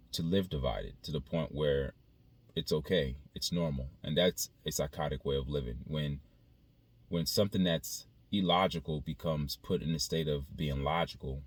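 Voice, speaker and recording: A man speaking in a casual, reflective monologue to his viewers, haltingly, repeating phrases as he thinks aloud. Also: very deep voice. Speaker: video creator.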